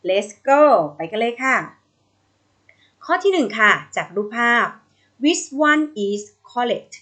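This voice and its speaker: A woman with a Thai accent leads a video English lesson for young children. Her voice sits somewhat high, and she speaks very slowly, drawing out each model phrase. Her tone stays gentle and encouraging as she coaxes the pupils to repeat after her. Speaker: primary school English teacher.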